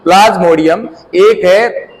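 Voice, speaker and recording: A man with a high-pitched voice takes things slowly while lecturing a competition exam class, heard through a low-quality recording. Using repeated call-and-response prompts, he quizzes students and makes them repeat key terms.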